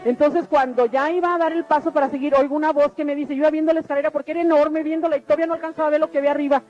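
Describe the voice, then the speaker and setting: A woman's voice: sits high, fairly even intonation, rapid-fire. A middle-aged woman tells her religious testimony in an earnest, repetitive storytelling way. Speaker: testimony speaker. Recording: dull lo-fi radio recording with faint music.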